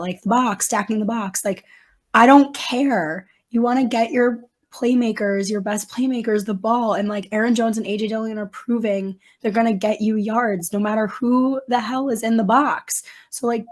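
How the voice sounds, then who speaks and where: A woman guest on a sports podcast, speaking at an ordinary female pitch with a hoarse, worn-out voice. She talks casually but emphatically, frustrated, leaning on "like" as she goes. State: hoarse, has lost voice.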